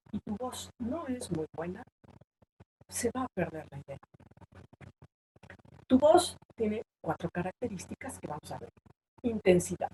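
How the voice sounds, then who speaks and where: A woman leads a public speaking workshop, with her voice at a mid pitch. She talks emphatically and shifts her pitch and loudness to show what she means. Faint background noise runs under her voice. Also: rough recording. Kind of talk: online presentation workshop.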